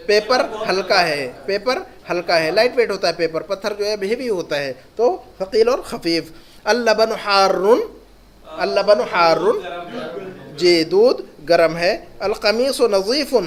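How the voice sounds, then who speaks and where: High-pitched male teacher, patient classroom delivery, reads slowly then explains fast. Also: fairly bright tone. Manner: slow, drawn-out reading of each word, then quick explanations with checking questions. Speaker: Arabic teacher. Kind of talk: classroom lesson, reading and translating words.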